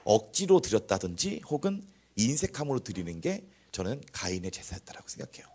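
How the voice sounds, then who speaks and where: A man's voice: on the low side, brisk, husky. A man preaching a sermon in church, talking conversationally to the congregation and acting out small examples along the way. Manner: animated, conversational, acts out examples. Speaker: pastor.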